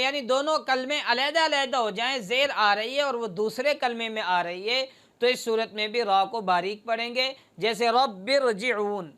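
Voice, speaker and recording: A recitation teacher explains the rules in a methodical lesson, numbering each rule and drawing out the example words slowly. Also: medium pitch, fairly bright tone.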